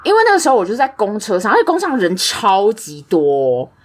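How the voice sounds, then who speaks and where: A woman's voice: medium pitch, a little fast, breathy edge. A young woman with a Taiwanese Mandarin accent, co-hosting a podcast and telling stories in casual chat, acting out the voices she quotes. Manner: animated storytelling, acts out quoted voices. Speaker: podcast co-host.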